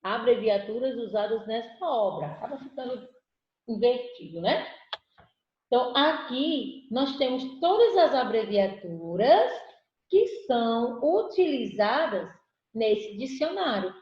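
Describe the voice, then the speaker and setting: Speaking a little slowly, with a somewhat high voice and big swings in pitch, a Brazilian Portuguese-speaking woman leads an online lesson. She asks the class questions patiently, then answers them on her own. The recording is dull, lo-fi and echoey.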